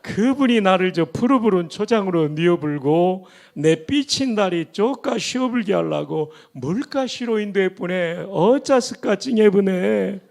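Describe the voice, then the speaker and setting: A pastor voicing a hearty countryman reciting a psalm in a Jeolla accent, loud and sing-song. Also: high-pitched, animated, unhurried, creaky, few pauses, voice pushed up, full character voice. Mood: exuberant. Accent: Jeolla dialect.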